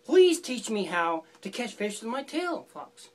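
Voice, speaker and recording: A woman's voice: a little high, sing-song, a little slow. A woman voicing a proud, gullible male bear who asks eagerly and trustingly in a folk tale.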